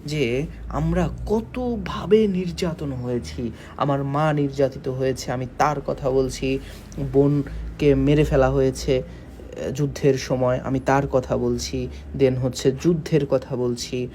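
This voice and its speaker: A man from Bangladesh gives an exam-prep literature lesson in a warm, mellow voice. He works through the material methodically, slowing down to spell out words and checking often that his students follow. A faint hiss sits under the recording. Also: medium pitch, steady tone. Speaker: Bengali literature teacher.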